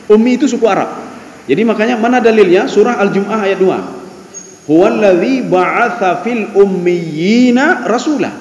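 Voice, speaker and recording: A man's voice: high voice, dull audio. A man giving a lecture in a mosque, teaching the congregation and asking them rhetorical questions. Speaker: religious teacher. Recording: echoey mosque hall, faint background ambience.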